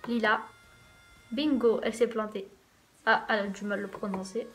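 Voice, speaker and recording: A woman's voice: medium pitch, steady tone, brisk, fairly bright tone, faint music behind. A woman hosting a let's play, reading a visual novel's first-person narration aloud in a casual way with wry asides.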